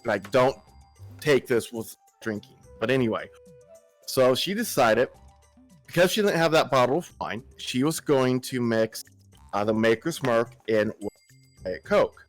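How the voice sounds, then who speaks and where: A man's voice: mid-range voice, lively intonation, a little slow, dry recording, soft background music. A male streamer chatting casually, telling an anecdote and quoting others as he explains. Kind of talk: casual livestream chat.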